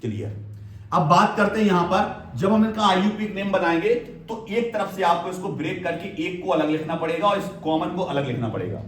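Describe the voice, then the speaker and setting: Male chemistry teacher, classroom lecture, keeps checking "clear?", high voice in a roomy hall. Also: a little fast, a bit bright. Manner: repeats key terms and checks understanding with "clear?"; addresses students fondly as "beta". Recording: echoey room, voice from a distance.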